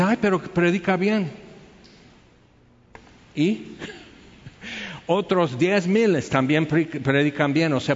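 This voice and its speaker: A man with a Mexican accent preaching a sermon, animated, firing off rhetorical questions and acting out the people he quotes. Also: fairly high pitch. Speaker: pastor. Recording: echoey hall, dull lo-fi sound.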